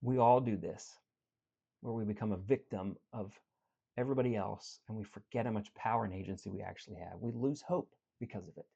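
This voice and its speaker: A man's voice: lowish voice, a little fast, gravelly, husky. Earnest male coach, slightly muffled. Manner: earnest, direct, swings between animated and quiet. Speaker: life coach. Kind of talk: motivational talk with storytelling.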